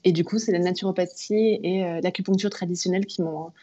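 A woman's voice: lowish voice, steady tone, fast, warm tone. A woman in her thirties giving a casual interview, often repeating words as she thinks, on a slightly dull recording. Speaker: podcast guest, naturopath and coach.

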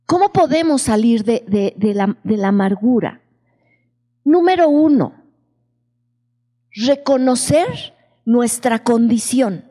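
A woman delivers a sermon in a high, mellow voice, speaking slowly and often asking her listeners questions. Her voice rings with the long echo of a large hall. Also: animated. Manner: slow, questioning the congregation. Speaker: preacher.

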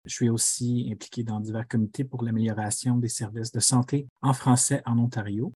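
A man's voice: medium pitch, flat delivery, brisk, dark tone, breathy edge, dry recording. A man in his thirties from Quebec City, chatting as a podcast guest in a friendly way, with hesitations. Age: 30s. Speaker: guest, father. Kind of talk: casual interview answers.

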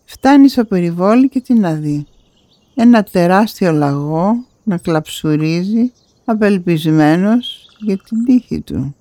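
A woman narrating a fairy tale in an expressive storytelling manner. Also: on the low side, no room sound. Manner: expressive, rising on key moments.

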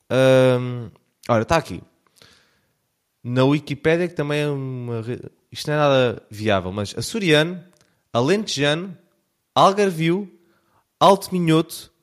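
A young man with a European Portuguese accent, ranting in a casual, animated vlog monologue full of filler words. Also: mid-range voice. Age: young adult. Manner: animated, heavy use of fillers like "pá". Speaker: vlogger.

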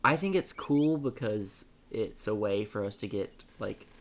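A man's voice: lowish voice, animated, measured pace. A man co-hosting a gaming podcast, chatting casually and rambling with lots of fillers while he looks things up. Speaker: podcast co-host. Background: game music.

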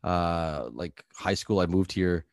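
A man from New Brunswick, Canada, hosting a podcast in a relaxed, rambling chat over a video call, with lots of fillers. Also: deep voice, slow pace, clear, resonant tone, no room sound, studio quality. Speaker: podcast host.

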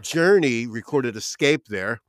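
A man's voice: medium pitch, lively intonation, a little slow, clear, resonant tone, no room sound, clean studio sound. A man with a New Jersey accent, co-hosting a music show and telling stories in casual, rambling chat while reeling off long lists. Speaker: podcast co-host.

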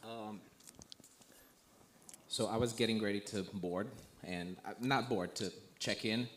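Low-voiced young man from Romania. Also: slow, a little hiss or hum. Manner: relaxed storytelling with frequent "like" and "you know". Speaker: guest missionary. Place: church sanctuary.

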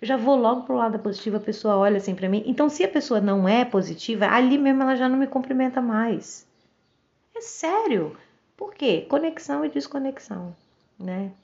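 A woman's voice: on the high side, expressive, fairly quick, darkish tone, highs cut off. Outspoken Brazilian woman in her forties. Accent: Brazilian Portuguese. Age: 40s. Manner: outspoken and direct, acts out quoted voices. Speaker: vlogger. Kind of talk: casual monologue to camera.

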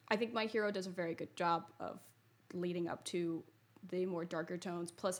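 A woman co-hosting a casual podcast who rambles and goes off on tangents. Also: lowish voice. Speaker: podcast co-host. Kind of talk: casual chat.

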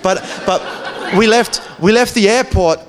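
A man's voice: sits high, unhurried, clear, resonant tone, some chatter behind. Earnest man preaching. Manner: earnest, conversational, often restarting phrases. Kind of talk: personal testimony storytelling.

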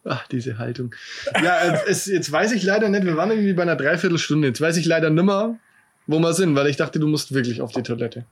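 A man co-hosts a casual podcast. He teases playfully and laughs often. His voice sits fairly high and sounds a bit husky. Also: lively intonation, fast talker. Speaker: podcast co-host.

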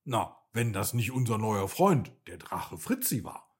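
Man doing an old village elder, slow and solemn, husky voice, storybook. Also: on the low side, sing-song, exaggerated voice.

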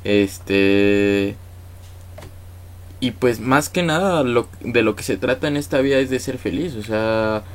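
A man's voice: mid-range voice, slow pace. A man with a Mexican accent, a musician guest in a casual interview, talking in an easygoing, thankful way with lots of fillers. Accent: Mexican Spanish.

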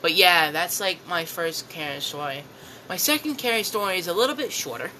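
A man's voice: sits high, animated, brisk, bright, forceful tone, slight background noise, rough recording. A young man telling stories in a casual chat, laughing often and swearing freely as he retells them. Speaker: podcast guest.

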